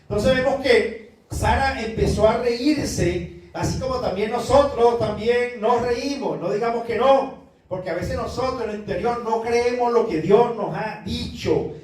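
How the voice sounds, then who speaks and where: A man's voice: very high voice, measured pace, a little mellow. A male pastor preaching a sermon and reading from the Bible, talking earnestly and asking his listeners "you know?" again and again. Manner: earnest, repeats "¿sabe?" to the congregation. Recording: very echoey room, voice far from the mic.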